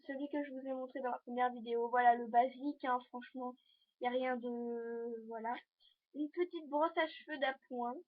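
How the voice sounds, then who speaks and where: A high-voiced teenage girl talks straight to her viewers in a casual fashion vlog, rambling along with lots of hesitations while she holds things up to the camera. The sound is dull and lo-fi, recorded on a simple camera microphone. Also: fairly even intonation, normal speed. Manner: chatty and rambling, full of hesitations. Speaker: vlogger. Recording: dull lo-fi home video recording.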